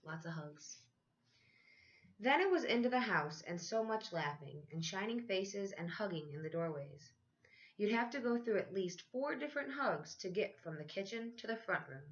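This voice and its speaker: Reading a picture book to children, this woman teacher paces herself and tells the story expressively, lingering on important phrases. She speaks in a mid-range voice, and the recording's high frequencies are cut off.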